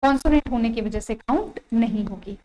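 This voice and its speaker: Woman, Indian accent, online grammar teacher, fairly high voice, drawn-out spelling of words, repeats herself. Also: mellow, a little hiss or hum, rough recording. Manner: spells out words slowly, repeats key phrases. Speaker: English teacher. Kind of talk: online exam-prep grammar lesson.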